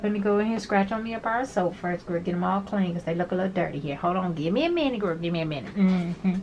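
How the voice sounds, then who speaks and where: Woman, home nail vlogger, chatty and rambling, mid pitch, faint fan hum. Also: darkish tone, highs cut off. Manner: talkative, addresses viewers as "girl"; rambling, repeats herself. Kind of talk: casual chatty tutorial. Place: small home room with an overhead fan.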